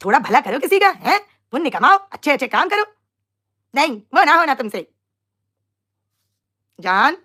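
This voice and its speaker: A young woman on a casual live stream talks to her viewers while teasing and mocking her rivals. Her voice is high and sharp-toned.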